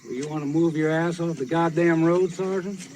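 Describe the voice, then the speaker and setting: An actor playing an arrogant army officer who barks orders with sneering contempt. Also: male voice, a little high, steady tone, normal speed, darkish tone, slight background noise, close to an everyday voice. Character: arrogant, hostile army officer, adult man.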